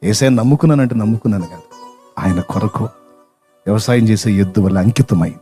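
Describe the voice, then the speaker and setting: A man's voice: fairly low pitch, fast talker, warm tone, faint music behind. A man preaching a sermon, telling a story in an earnest, emotional way that swells with feeling.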